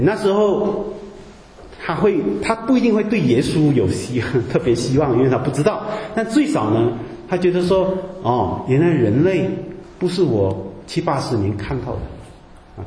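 Mellow-voiced man preaching in an echoey hall. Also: mid-range voice. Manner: conversational preaching with rhetorical questions. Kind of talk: sermon. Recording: echoey hall with long reverb, faint background noise.

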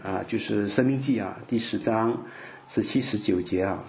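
A man's voice: on the low side, moderate pace, vocal fry, a little mellow. A middle-aged man preaching a sermon, often stumbling over repeated words and checking in with his listeners. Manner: repeats words, frequent 'ah' fillers, asks listeners OK.

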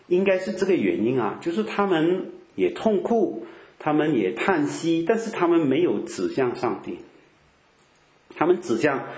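A man preaching in a relaxed, conversational way, filling his talk with drawn-out "ah" sounds and rhetorical questions. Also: fairly high pitch, reverberant. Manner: chatty, peppers speech with drawn-out "ah" fillers and rhetorical questions. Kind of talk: conversational Bible teaching.

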